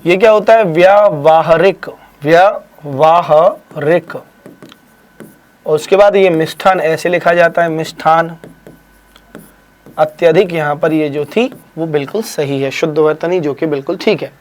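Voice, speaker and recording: High-voiced teacher drawing out spellings. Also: male voice. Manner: drawn-out slow spelling of words, brisk praise and teasing. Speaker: Hindi exam teacher. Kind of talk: live online quiz class.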